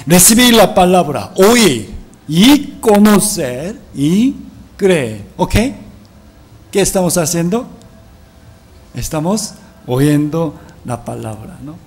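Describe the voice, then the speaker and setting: A man's voice: on the high side, very animated, slow, long pauses. A man teaching a Bible seminar in a sermon style. He reads scripture aloud and asks his listeners rhetorical questions, often adding a tag question.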